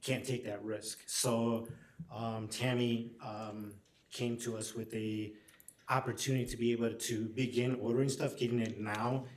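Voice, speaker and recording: A man's voice: mid-range voice, flat delivery, a little slow. A man presenting at a school board meeting in a friendly, upbeat way with frequent "um"s. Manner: upbeat, friendly, hesitant fillers. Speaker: district administrator presenting. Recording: echoey meeting room.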